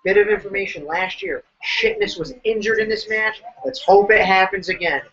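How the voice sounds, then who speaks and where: A man hosting a live wrestling reaction show, excitable and joking as he reacts to what's on screen. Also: sits high, normal speed, lo-fi sound.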